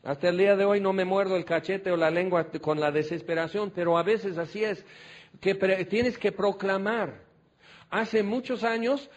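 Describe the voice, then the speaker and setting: A Mexican man preaching a sermon, switching between quiet scripture reading and excited, folksy storytelling. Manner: animated, shifts from low quiet scripture reading to excited shouting; conversational, folksy storytelling with fillers like "este".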